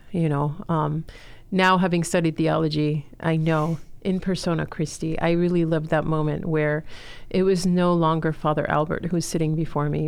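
Her voice is low and creaky yet clear, slightly mellow, with a resonant tone. The speaker, a Chilean woman in her forties raised in Miami, co-founded a school and is recounting her life earnestly as an interview guest, her heartfelt storytelling dotted with fillers.

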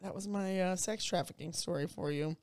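A woman chatting casually, telling an animated story full of swearing and fillers. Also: lowish voice, fairly quick, dry recording. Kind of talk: casual chat.

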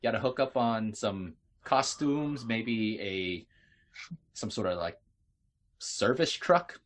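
A man with a fairly low voice plays a tabletop role-playing game. He chats casually with the table, putting in ideas during the session. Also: expressive, takes it slowly. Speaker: player.

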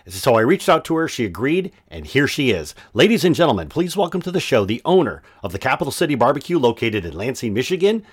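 A man's voice: medium pitch, sing-song, fast talker, hardly any pauses, husky. A man hosting a podcast, giving friendly, upbeat introductions and asking his guest questions. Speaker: podcast host. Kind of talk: podcast interview.

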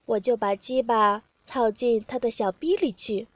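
A woman with a high voice reads an adult story aloud, keeping a plain and steady first-person pace. The recording is dry and close, with no room sound behind her. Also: moderate pace, no echo. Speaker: narrator.

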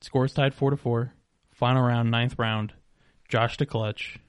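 A man hosting a casual podcast live with friends at a table, joking and bursting out loudly. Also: medium pitch, clean tone. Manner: energetic, joking, quick loud bursts. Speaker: podcast host. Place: studio table with co-hosts, streamed live.

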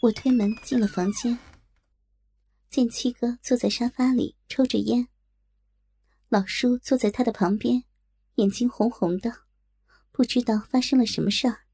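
A woman reading a first-person adult audio novel in a steady, intimate storytelling manner. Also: on the high side, moderate pace, pauses often, slightly rough, dry recording, clean studio sound. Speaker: narrator.

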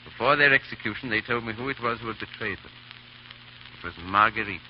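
An actor playing a daring English baronet who poses as a dandy, urbane and theatrical, in 1930s radio drama style with an English accent. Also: male voice, on the low side, fairly quick, natural voice. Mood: grave, anguished. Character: daring English baronet secretly rescuing victims, posing as foppish dandy. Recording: muffled, hissy 1930s radio recording.

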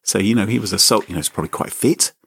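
His voice is a bit bright and husky with vocal fry, and he speaks very fast. This chat-show podcast host spins a comic tale, feigning indignation theatrically with sweeping pitch.

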